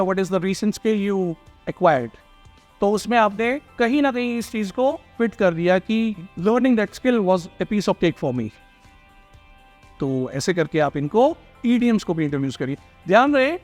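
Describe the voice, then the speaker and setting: A man with a high voice teaches as an exam-prep tutor, explaining patiently and checking in with his listeners. He slows down to model each English word. Faint music plays underneath. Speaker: IELTS tutor. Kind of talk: Hindi-English teaching talk.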